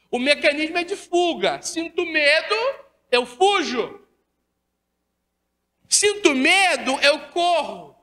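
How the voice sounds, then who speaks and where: Woman, Rio de Janeiro accent, spiritist lecture, high voice, rhetorical questions, long reverb of a lecture hall. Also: a bit bright. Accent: Brazilian Portuguese, Rio de Janeiro. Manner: rhetorical questions, constant tag questions, acts out dialogues.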